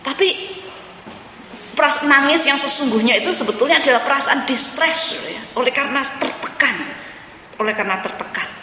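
A woman preaching in a bright, sharp voice, turning often to the congregation as she talks. The sound rings out with a long echo through a large hall, and a faint room ambience sits behind her. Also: medium pitch, a little hiss or hum. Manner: addresses listeners as saudara, mixes in English phrases. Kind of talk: sermon. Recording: echoey hall.

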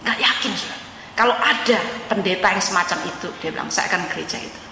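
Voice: mid-range voice, quick pace, creaky, sharp tone, a little hiss or hum. A pastor preaching a sermon as a story, addressing the congregation over and over and dropping in English words. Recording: echoey church hall with long reverb.

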